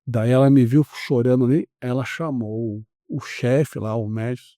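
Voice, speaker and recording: A man from Brazil, around his forties, telling a story as a podcast guest in a casual, animated way and acting out the other people's lines. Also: medium pitch, moderate pace, no room sound, studio quality.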